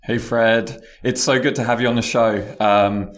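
A British man co-hosting a podcast in casual chat, self-deprecating and quick to laugh, with a roomy echo from an echoey conference room. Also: medium pitch, fairly even intonation, a bit bright. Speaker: podcast co-host.

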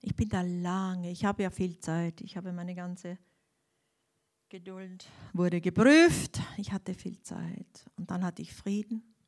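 A woman's voice: fairly low pitch, slow. An older woman tells her faith testimony to an audience, emotionally shaken and acting out the dialogue as she goes. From Austria. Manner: animated storytelling, acts out dialogue. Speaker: speaker giving a faith testimony.

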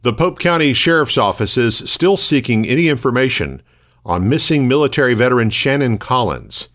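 A man hosting a local radio news programme, reading scripted items in a measured, formal announcer delivery. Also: mid-range voice, very animated, fairly bright tone.

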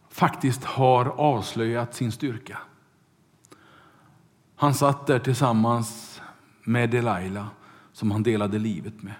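A man preaching a sermon, retelling a Bible story with loud bursts and hushed asides. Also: medium pitch. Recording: long hall reverb.

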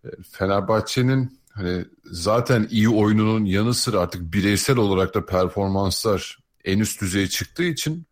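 Very low-voiced man analysing sport. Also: moderate pace, few pauses. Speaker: podcast co-host and basketball commentator.

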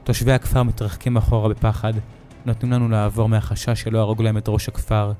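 A man narrating a scripted horror story in the first person, steady and measured. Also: lowish voice, faint music behind.

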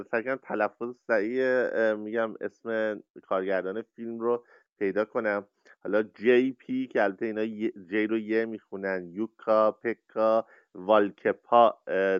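A man's voice: on the low side, clean tone, dry recording, highs cut off. A man hosting a literary workshop, speaking in a rambling, hesitant way with many fillers over an online audio call. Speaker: workshop host. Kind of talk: casual lecture on a live audio chat.

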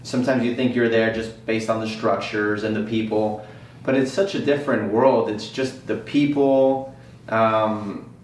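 Relaxed man, roomy and distant. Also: on the low side, unhurried, a little hiss or hum. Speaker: guest, company employee. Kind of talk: casual interview chat.

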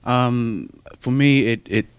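A young Australian rugby player answers interview questions softly and thoughtfully, hesitating and using lots of fillers. His mid-range voice is smooth and slow, with no room sound.

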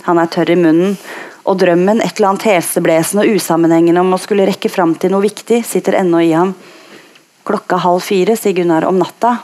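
A woman reading a literary passage aloud in a slow, measured way. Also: lowish voice, steady tone, darkish tone.

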